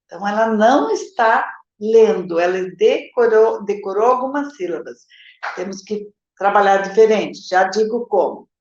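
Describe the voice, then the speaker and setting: A Brazilian Portuguese-accented woman, medium-pitched with lively intonation and a darkish tone, speaks at a moderate pace. As a literacy teacher in a live session, she answers viewer questions with step-by-step explanations, checking in and saying "gente" and "tá?" to them directly. The audio sounds reverberant and dull.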